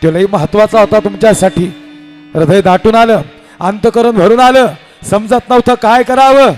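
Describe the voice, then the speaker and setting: A man's voice: sits high, normal speed, faint music behind. A man preaching a devotional kirtan sermon, telling stories with acted dialogue in an impassioned manner. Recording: live hall with reverb and instruments.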